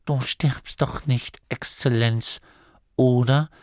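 A man's voice: a little high, big pitch swings, drawn-out words, vocal fry, a little mellow, dry recording, clean studio sound, pitched above the performer's own voice, heavily acted. A man voicing a timid, anxious male gnome who pleads hesitantly.

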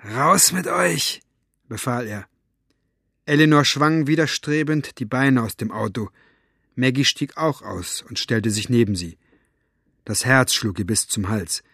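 A man narrating an audiobook in a measured, even storytelling manner. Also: medium pitch, no echo, studio quality. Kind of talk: audiobook reading.

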